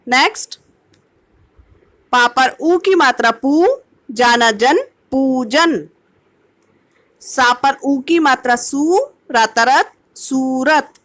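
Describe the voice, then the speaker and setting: A woman with a high, fairly bright voice teaches a kindergarten class online. As a primary school teacher, she patiently sounds out words one syllable at a time.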